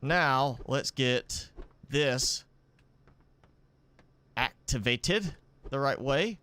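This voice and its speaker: A man's voice: medium pitch, extremely slow, pushed and bright, clear, resonant tone. A man hosting a casual live gameplay stream, thinking aloud as he builds, rambling and chuckling now and then. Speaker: gaming channel host. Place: indoors at home with a pet dog.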